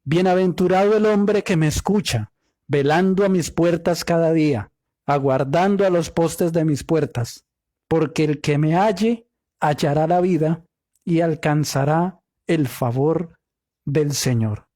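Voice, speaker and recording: A man with a fairly high voice leads a Bible study, reading verses aloud and stopping to unpack the Hebrew behind them. He asks his listeners rhetorical questions as he goes. The recording is dry and close, with no room sound. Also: measured pace, dark tone, no room sound. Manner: reads scripture aloud and explains Hebrew word meanings, asking rhetorical questions. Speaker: Bible teacher.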